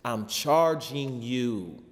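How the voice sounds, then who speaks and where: Extremely slow and expressive, a man with a mid-range voice preaches in an impassioned, sermon-like way using informal vernacular and rhetorical repetition. He is a show host and spiritual teacher, and a long hall reverb colors the recording.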